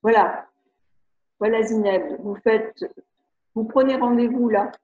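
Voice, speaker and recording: A woman's voice: on the high side, slow, a little hiss or hum. A woman with a French accent leading a live webinar as an educator, speaking in a chatty, hesitant way with many restarts while she answers viewers' questions. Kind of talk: live video-conference talk, reading viewer questions. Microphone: computer mic on video call. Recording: muffled roomy video-call audio.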